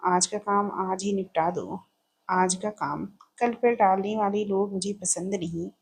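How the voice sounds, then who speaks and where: A woman's voice: medium pitch, measured pace, vocal fry, breathy edge. A woman voicing a strict, commanding middle-aged mother-in-law in a read-aloud family story. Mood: stern. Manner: bossy, commanding.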